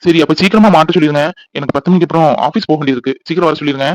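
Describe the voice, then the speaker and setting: A man's voice: a little high, rapid-fire, no echo, lightly acted, low-quality recording. A man voicing a young cartoon husband and father who teases his wife and uses baby talk with his daughter. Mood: teasing. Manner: playful, teasing, baby talk to the child.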